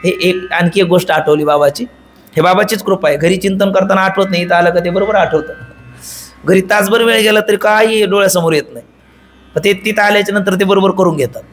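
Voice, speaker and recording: A man's voice: high-pitched, fairly quick, a little hiss or hum. A man giving a devotional Vedanta discourse, telling stories and chanting verses. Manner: animated storyteller, chants verses and acts out dialogue. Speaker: Vedanta preacher.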